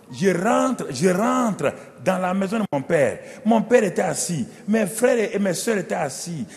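A pastor with a West African French accent preaching a sermon, dramatically retelling scenes with sudden loud peaks. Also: male voice, sits high, creaky, in a large hall.

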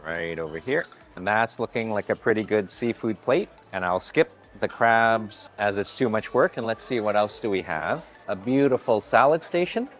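A fairly low-pitched man in his forties narrates a casual food vlog at normal speed with lively intonation and hardly any pauses, as he walks through a hotel buffet restaurant. He's upbeat and chatty, often greeting staff warmly, with faint music in the background.

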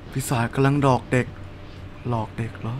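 A man's voice: medium pitch, flat delivery, fairly quick. Young guy streaming a scary game, mumbling along, jumpy yelps, hissy noisy mic. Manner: muttering to himself, sudden startled yelps. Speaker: gaming streamer. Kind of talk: live horror game commentary.

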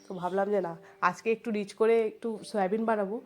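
Quick-talking nasal woman with a cold. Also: medium pitch, fairly even intonation, darkish tone. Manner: rambling, homely, talks to viewers. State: congested from a cold. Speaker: home vlogger. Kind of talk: chatty voice-over narration. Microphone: voice-over.

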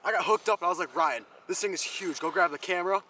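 A young man vlogging excitedly about ice fishing to his viewers, whom he calls "boys", from his truck and out on a frozen lake. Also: high-pitched, quick pace, slight background noise. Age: young adult. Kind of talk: casual vlog chat. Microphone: camera on the dash or held at arm's length.

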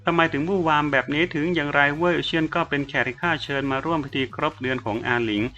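A man's voice: fairly high pitch, quick pace, pushed and bright, highs cut off, faint music behind. A man voicing a proud, hot-tempered young male noble in an audiobook reading, speaking sternly.

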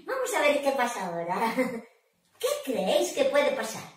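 A woman, telling a story to children in a playful, animated way and laughing often. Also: a little high, normal speed. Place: library room. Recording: echoey room, voice from far off.

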